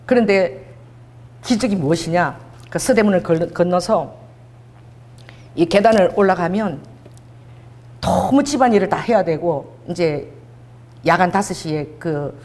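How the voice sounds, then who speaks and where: A middle-aged woman pastor giving a sermon as a personal testimony, telling her story with animated storytelling and acting out the people she quotes. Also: lowish voice. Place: church sanctuary.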